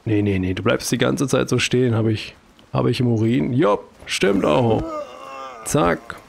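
A man's voice: mid-range voice, moderate pace, creaky. A man with a German accent giving casual commentary as he plays a video game, chatty and talking to himself with jokey exclamations. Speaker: let's play host.

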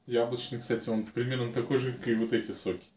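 A man in a casual, halting chat over food, chewing while talking. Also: mid-range voice, little pitch movement, darkish tone, recorded from a distance. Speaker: co-eater answering questions. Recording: roomy echo, some background noise.

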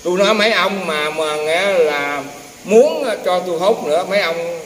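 A man's voice: sits high, expressive, normal speed, fairly bright tone. Older man telling folksy stories, distant and echoey. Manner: rambling, folksy, quotes others in dialogue. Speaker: temple herbal healer telling a story. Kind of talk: casual storytelling. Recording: echoey, distant, roomy with faint noise.

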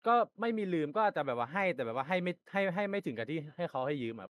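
A man's voice: fairly high pitch, lively intonation, fast, fairly bright tone. A young adult man answering interview questions in a rambling way, full of fillers and restarts. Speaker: applicant being interviewed.

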